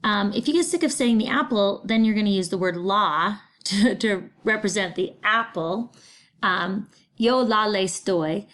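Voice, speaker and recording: A woman's voice: medium pitch, a little slow, a bit bright. A middle-aged woman, patiently teaching a recorded Spanish lesson, explaining grammar step by step. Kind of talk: recorded remote class lesson.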